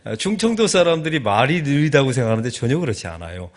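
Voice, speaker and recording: A middle-aged man from Chungcheong with a Chungcheong Korean accent, preaching a lively, joking sermon as a guest pastor in a church. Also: mid-range voice, fast. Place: church sanctuary.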